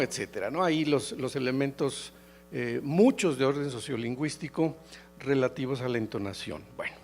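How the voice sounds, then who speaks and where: A middle-aged man from León with a Mexican Spanish accent, giving a halting academic lecture full of hesitations and restarts. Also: medium pitch, gravelly, a little hiss or hum. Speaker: keynote lecturer.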